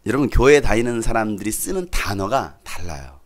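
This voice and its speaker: A man's voice: lowish voice, a little fast. A man preaching a sermon as pastor, putting questions to the congregation and acting out quoted speech. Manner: animated, asks the congregation questions and acts out quotes.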